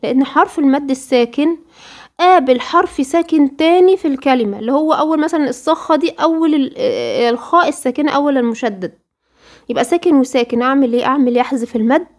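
A woman with an Egyptian accent teaching Quran recitation rules, asking her students questions and answering them herself, sometimes drawing out example words slowly. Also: high-pitched. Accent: Egyptian Arabic. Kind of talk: interactive lesson with students.

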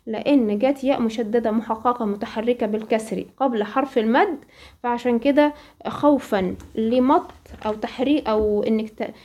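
A woman with an Egyptian accent teaching a Quran recitation lesson, asking questions and then answering them, and slowly reciting the examples. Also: fairly high pitch, a little mellow. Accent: Egyptian Arabic. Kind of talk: tajweed lesson.

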